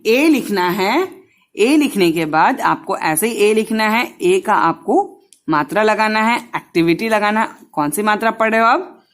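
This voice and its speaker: Gently addressing young children, a woman leads a lesson with repeated drills, stretching out every syllable. Her mid-range voice is expressive and unhurried.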